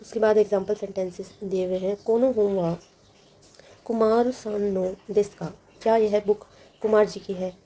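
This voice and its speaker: A woman's voice: medium pitch, fairly even intonation, moderate pace, dark tone. A woman teaching a language lesson, patiently explaining and repeating each word with its meaning. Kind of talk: lesson walkthrough.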